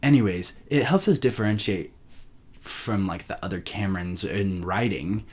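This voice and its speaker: A man's voice: fairly low pitch, normal speed, darkish tone. A young man hosting a solo podcast, rambling casually and interrupting himself as he chats. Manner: rambling, self-interrupting, chatty. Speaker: podcast host.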